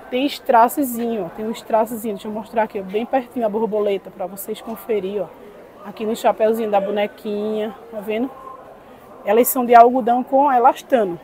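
A fairly high-voiced woman walks through an indoor market stall. She pitches her clothes in a chatty way and keeps checking in with her viewers. She is recorded on a phone held in her hand. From Northeast Brazil. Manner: chatty sales pitch with tag questions. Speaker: clothing seller. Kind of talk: product showcase vlog. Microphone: phone camera held in hand.

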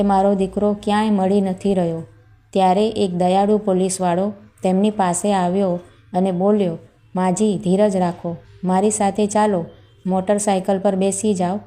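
A woman with a Gujarati accent narrating a scripted story in an even, measured way. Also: mid-range voice.

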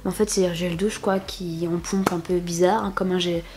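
A woman's voice: lowish voice, steady tone, normal speed. Chatty young woman showing off a haul. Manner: chatty, many fillers and restarts, playful "tada" reveals. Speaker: beauty vlogger. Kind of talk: casual haul video chat.

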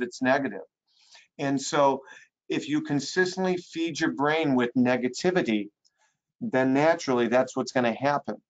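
Emphatic male webinar trainer, muffled audio. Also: medium pitch. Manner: emphatic, repeats key phrases, coaching tone. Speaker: guest presenter, real estate trainer.

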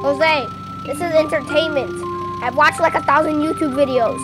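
A young gaming channel host chatting casually and playfully, with giggles and loud bursts. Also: female voice, sits high, fairly even intonation, normal speed, rough recording. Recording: music playing behind.

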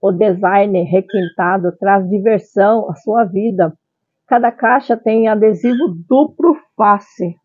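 A woman's voice: medium pitch, slow pace, dry recording, narrow, tinny audio. A middle-aged woman with a Brazilian accent hosting a vlog product showcase in a cutesy, exclamatory manner, sprinkling in Japanese phrases. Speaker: channel host. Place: small tiled room at home.

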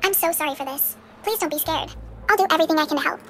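A machine voice with a sped-up, high chipmunk effect, speaking as an eager AI chat companion in an earnest, soothing, overly reassuring way. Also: female voice, rapid-fire, a bit bright, soft background music. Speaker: AI chatbot companion.

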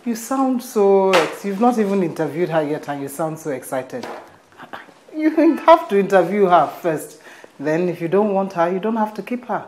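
A middle-aged Nigerian mother, devout and preachy, played by an actress. Her pitch sits a little low but moves widely as she scolds. It's a Nollywood film scene. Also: expressive, moderate pace, a little mellow, a little hiss or hum, close to an everyday voice. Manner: preachy, lecturing. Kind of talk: film acting.

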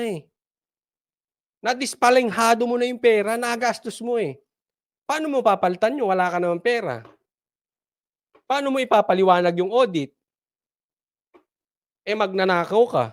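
A man's voice: very high voice, normal speed, long pauses. A man hosting casual political commentary, mocking and laughing often and repeating his points for emphasis.

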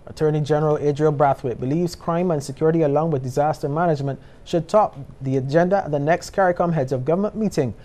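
A man's voice: a little high, fast talker, hardly any pauses, warm tone. A middle-aged man with a Barbadian accent reading scripted news as a studio anchor.

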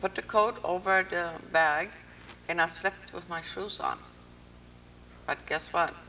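A woman's voice: on the low side, a little slow, bright, forceful tone, distant mic, slight background noise. An older woman from North Africa hosting a public access interview in a TV studio, telling long rambling stories. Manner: chatty, rambling storyteller. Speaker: host. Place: TV studio with green-screen backdrop.

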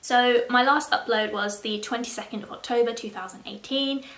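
A woman's voice: a little high, steady tone, normal speed, a bit bright. A woman vlogging to her viewers in a casual, chatty way, swearing freely and laughing often. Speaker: YouTuber. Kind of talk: casual vlog chat. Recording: roomy echo.

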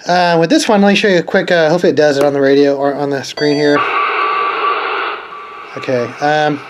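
A man whose voice is a little high, with fairly even intonation and a brisk pace, hosts a hands-on demonstration for his electronics and radio unboxing videos. He chats informally and thinks aloud at a cluttered indoor desk. The home camera recording is noisy, with background noise clearly audible.

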